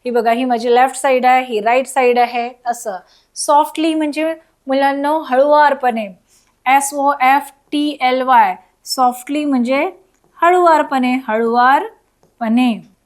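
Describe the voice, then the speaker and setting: High-voiced woman teaching children. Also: fairly even intonation, measured pace. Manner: spells words letter by letter, asks the children questions. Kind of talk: recorded school lesson for children.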